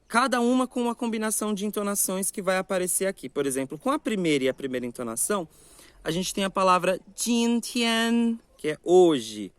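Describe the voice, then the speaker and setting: Guy teaching mandarin tones, pitch jumping all over, slow drawn-out example words. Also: expressive, no room sound. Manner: slow, drawn-out demonstration of Mandarin tones between Portuguese explanations. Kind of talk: language lesson, reading vocabulary examples.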